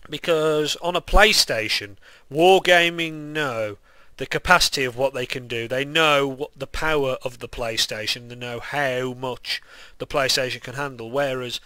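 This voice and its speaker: A man's voice: medium pitch, a little slow, hardly any pauses, pushed and bright, clear, resonant tone, no echo. A young man with a lisp and whistling s sounds, giving casual, rambling, self-deprecating game commentary. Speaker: gaming video maker.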